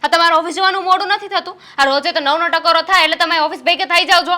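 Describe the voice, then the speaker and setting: Young wife, very high bright voice, quick heated complaining. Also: female voice. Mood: sarcastic. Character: young wife fed up with her mother-in-law. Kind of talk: Gujarati short film acting.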